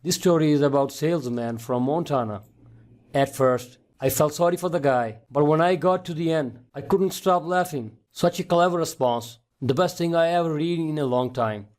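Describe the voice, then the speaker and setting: A man's voice: a little high, moderate pace, a little mellow. A man narrating a scripted story as the narrator of an online video.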